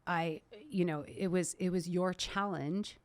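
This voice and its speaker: A woman hosting a podcast, chatting casually with a friend. Her voice sits low for a woman, and she laughs often and talks with animation. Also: steady tone, a little slow, clean tone, dry recording. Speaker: podcast host. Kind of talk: casual conversation.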